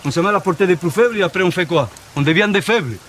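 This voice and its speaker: A man's voice: expressive, racing. A man in his forties from Spain with a Spanish accent, a military instructor who talks like a drill sergeant, goading trainees with curt questions and blunt orders. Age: 40s. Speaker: Foreign Legion chief warrant officer, instructor. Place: outdoors on a training course. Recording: noisy outdoor field recording with vehicle rumble.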